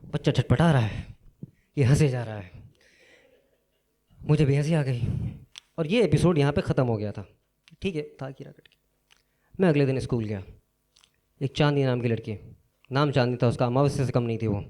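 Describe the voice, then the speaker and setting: A young man telling a school story on a live comedy stage, in a casual, animated way, acting out the lines of the people in it. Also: mid-range voice, normal speed, pauses often. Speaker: stand-up comedian. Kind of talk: stand-up storytelling.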